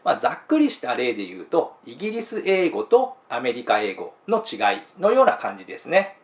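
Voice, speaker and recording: A man hosting a channel, narrating a scripted explainer in a polite, measured way and moving on to each new point with a brisk "okay, next.". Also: on the high side, huge pitch swings. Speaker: channel host explaining cultural differences. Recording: roomy, dull lo-fi recording.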